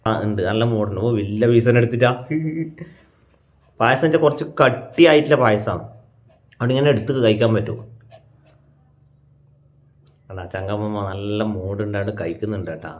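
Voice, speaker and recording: Filming a family vlog at home, a young man from Kannur with a North Malabar Malayalam accent talks to his viewers, explaining things along the way and shouting out to his grandmother. He speaks a little fast in a lowish voice with long pauses, and the lo-fi sound is dull.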